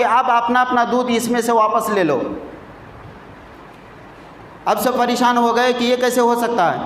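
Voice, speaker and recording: A male cleric with a strikingly high-pitched voice delivers a sermon, teaching through stories and rhetorical questions and repeating key phrases for emphasis. His sound is echoey and a bit bright, with faint noise behind him.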